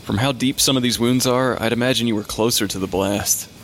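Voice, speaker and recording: A man's voice: mid-range voice, steady tone, fairly quick, a little hiss or hum, lightly acted. A man playing a weary, matter-of-fact medical examiner who talks to ghosts in an audio drama. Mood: focused. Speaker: pathologist.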